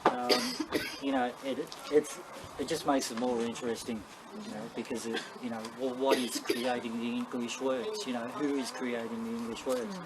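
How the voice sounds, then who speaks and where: Aussie guy, ghost hunter type, rambling casual stories to a group, middling pitch, pretty noisy live recording. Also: moderate pace. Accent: Australian. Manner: rambling, anecdotal, matter-of-fact about spirits. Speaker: paranormal investigator leading a session. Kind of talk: casual spoken talk to a group.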